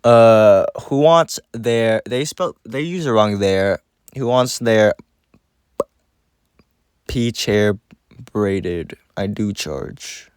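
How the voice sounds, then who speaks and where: A young man talks through his old video in a rambling, self-mocking way. His voice is smooth and clean, and the room is dry and close, with no echo. His pitch sits fairly low. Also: very slow, long pauses. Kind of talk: casual commentary. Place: room at home.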